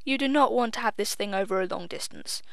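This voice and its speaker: Gravelly and mid-range, a young woman's voice speaks quickly in a dry recording while she hosts a gaming video. She chats casually, mocks herself, swears offhandedly, and says she sounds a little nervous.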